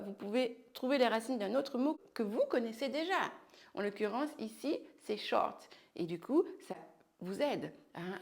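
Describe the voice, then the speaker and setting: A woman's voice: medium pitch, creaky. A French woman in her forties, teaching English online in an upbeat style, often adding "hein" and spelling words out. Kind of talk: online language lesson.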